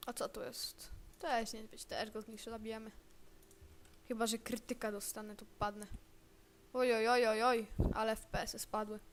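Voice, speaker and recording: A woman's voice: on the high side, little pitch movement, normal speed, a little hiss or hum. A woman giving casual gameplay commentary, chatty and thinking aloud as she plays. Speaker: gamer.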